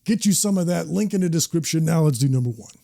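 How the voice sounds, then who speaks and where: Man, gravelly voice, mellow dark tone, casual album review, enthusiastic. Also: on the high side, expressive, quick pace. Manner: enthusiastic, joking. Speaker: host.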